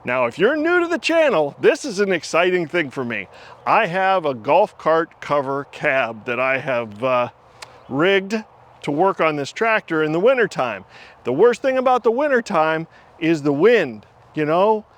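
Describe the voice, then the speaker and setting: A man's voice: a little high, sing-song, a little slow, fairly bright tone. A man in his fifties hosting a casual vlog, rambling and talking to himself while he works outdoors. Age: 50s. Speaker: channel host. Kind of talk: casual vlog talk to camera.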